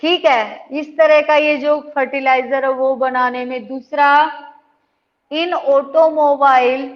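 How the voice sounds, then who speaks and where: A high-voiced woman teacher speaks slowly and patiently, checking in with her students often. The sound is dull and lo-fi, with a long echo trailing each word. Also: flat delivery. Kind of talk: online class lesson. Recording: dull lo-fi audio with long reverb.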